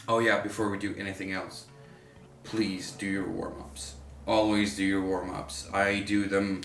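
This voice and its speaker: A man with a deep, slightly bright voice gives casual, informal vocal coaching to camera, talking like a working vocalist. He's in a room with a home studio setup. The recording has a roomy echo and faint music behind.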